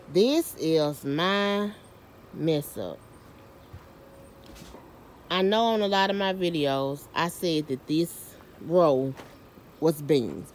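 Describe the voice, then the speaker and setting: Woman vlogger, lowish voice, drawn-out easygoing delivery, talking to her phone camera outside in the yard. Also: darkish tone, a little hiss or hum. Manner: chatty, self-mocking, uses Southern US slang. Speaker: home gardener and vlogger. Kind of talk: casual garden tour. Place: outdoor backyard garden. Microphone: handheld phone camera.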